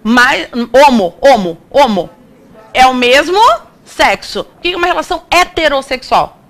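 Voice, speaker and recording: High-voiced chatty Brazilian woman teacher. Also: animated, moderate pace, sharp tone. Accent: Brazilian Portuguese. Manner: playful, chatty, asks questions and answers them herself. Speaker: grammar teacher. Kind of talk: exam-prep classroom lecture.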